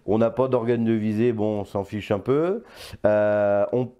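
A man's voice: lowish voice, fairly even intonation, measured pace, dark tone, lo-fi sound. An older man reviewing a toy blaster in casual, playful chat, often stopping to hesitate. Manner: chatty and playful, with many hesitations.

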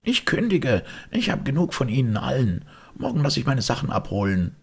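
A shrieking, sullen middle-aged maid, put on by a male reader. Her voice jumps high and swoops wildly, cutting through with a rough gravelly edge. She snaps back with defiance in an audiobook reading. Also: big pitch swings, brisk, exaggerated voice.

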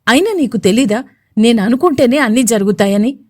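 A woman's voice: on the high side, lively intonation, brisk, a little mellow, dry recording, studio quality. A woman voicing an injured young man who speaks sternly and angrily to defend his partner in an audio story. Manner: stern, warning, angry.

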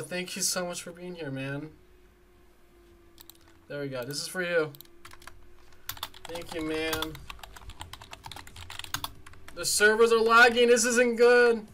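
A game streamer reacting live during gameplay, emotional and swinging from soft murmurs to excited yelling. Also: medium pitch, a little hiss or hum.

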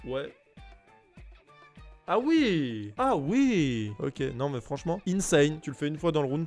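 A man, commenting casually on game clips, trailing into quiet asides and bursting into loud shouts. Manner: chatty, mumbles low asides, bursts into shouts. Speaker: gaming streamer reacting to clips.

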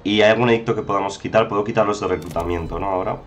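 A man's voice: lowish voice, steady tone, very fast, a little hiss or hum. A man giving chatty, casual commentary over a strategy game, often exclaiming and talking to viewers. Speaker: gameplay commentator.

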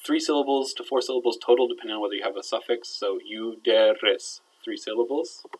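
A man's voice: mid-range voice, fast talker, a little hiss or hum, rough recording. A man explaining verb grammar to his students in a recorded lecture, checking in with them often and letting his voice drop at the ends of phrases. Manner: explanatory, checks in with "all right?", trails off quietly at ends of phrases. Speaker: Arabic teacher.

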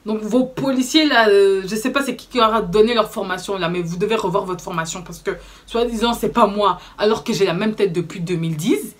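Speaking to camera in a relaxed vlog, a young woman with a Belgian French accent recounts a story with indignation and energy, full of slangy fillers. Her medium-pitched delivery is brisk.

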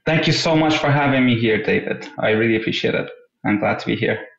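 A man's voice: mid-range voice, brisk, vocal fry. A man in his thirties from Iran, a guest speaking earnestly in a casual interview, often saying "you know". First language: Persian. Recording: roomy, dull lo-fi remote line.

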